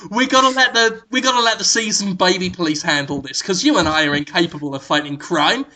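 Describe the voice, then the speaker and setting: A man co-hosting a comedy podcast, laying out a ridiculous plan in a deadpan, mock-serious way, with plenty of ums and uhs. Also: high voice, brisk. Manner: frequent filler ums and uhs. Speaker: podcast co-host.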